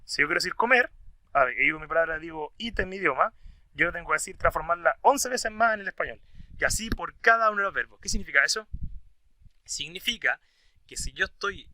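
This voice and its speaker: Bright-voiced male teacher. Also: on the high side, expressive, a little fast, dry recording, low-quality recording. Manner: explains step by step, often asks "right?" for agreement. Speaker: English teacher. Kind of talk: video grammar lesson.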